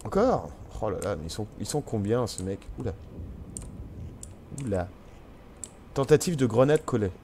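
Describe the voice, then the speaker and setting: A man's voice: lowish voice, expressive, moderate pace, long pauses, a little mellow, a little hiss or hum. A man hosting a let's play, chatting casually as he plays, taunting enemies and exclaiming often. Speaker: gaming channel host.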